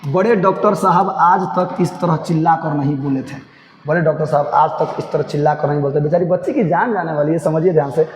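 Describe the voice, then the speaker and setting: A male teacher with a high voice walks students through a story line by line. He repeats key phrases, checks that they follow, and calls them "babu". His voice rings in a large hall with a long reverb over faint noise. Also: fairly quick. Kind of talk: line-by-line lesson explanation.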